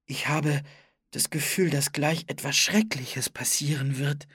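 A storybook reader voicing a worried young girl who pleads urgently, shouting in alarm. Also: medium pitch, a little slow, husky, no echo, studio quality. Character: frightened young girl, earnest and caring. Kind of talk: audiobook character voice.

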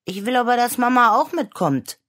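A woman's voice: fairly high pitch, animated, moderate pace, fairly bright tone, voice pushed up. A woman voicing a playful, teasing young girl, the older sister in a children's story. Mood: pleading. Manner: teasing, cheeky.

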